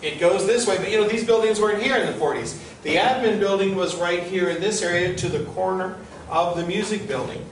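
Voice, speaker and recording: A middle-aged man giving an informal guided tour, telling stories to a group in a conversational way and putting questions to his listeners. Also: high-pitched. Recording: distant, very echoey, noisy group-tour recording.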